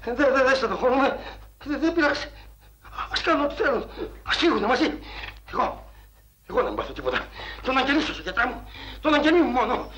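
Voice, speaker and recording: A panicky stammering hypochondriac boss. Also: male voice, very high-pitched, sing-song, fairly bright tone, a little hiss or hum, full character voice. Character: hysterical middle-aged man, a hypochondriac factory boss. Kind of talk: 1960s film comedy acting. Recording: echoey old film soundtrack.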